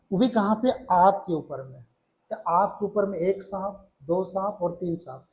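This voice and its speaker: Male chemistry tutor, middle-aged, high voice, drills terms by asking them back, counts aloud while drawing. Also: a little mellow, rough recording. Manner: repeats key terms as questions to students. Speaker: chemistry teacher. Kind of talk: classroom lecture.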